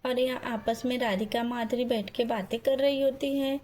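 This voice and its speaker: A woman's voice: fairly high pitch, fairly even intonation, moderate pace, darkish tone. A woman narrating a doll story in a simple, plain way.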